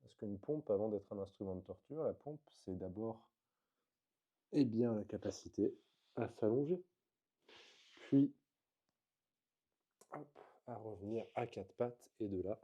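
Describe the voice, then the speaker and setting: A man talking through slow floor exercises in a calm, explanatory vlog, coaching the viewer as he moves. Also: on the low side, breathy edge, lo-fi sound. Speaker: movement coach. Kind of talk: instructional vlog.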